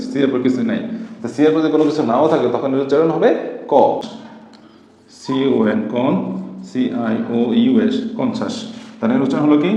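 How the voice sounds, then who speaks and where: A man's voice: mid-range voice, dark tone. Guy going over letter sounds, asks and answers himself, lots of reverb, faint hiss. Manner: patient, asks questions then answers them; spells words out letter by letter. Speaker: English teacher. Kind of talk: spoken phonics lesson. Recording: echoey room reverb, faint noise.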